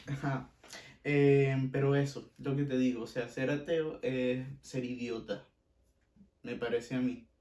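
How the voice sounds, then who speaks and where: A man's voice: mid-range voice, steady tone, unhurried, warm tone, echoey room, distant mic. A man with a Venezuelan accent hosting a casual podcast, giving blunt opinions and repeating himself for emphasis. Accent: Venezuelan Spanish. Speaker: podcast host.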